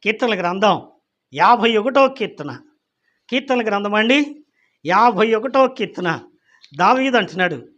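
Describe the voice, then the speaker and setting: A man preaching a sermon as pastor. He keeps putting questions to the congregation, slows right down to read scripture, and drops quiet and low on key words. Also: lively intonation, muffled recording. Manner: calls out questions to the congregation, repeating "ఏమండి?".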